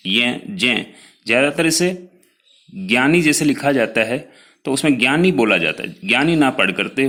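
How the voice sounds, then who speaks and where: Bright-voiced male teacher explaining slowly. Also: medium pitch. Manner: explains slowly, spelling out sounds one by one; addresses students directly, pointing to written notes. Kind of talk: classroom lecture.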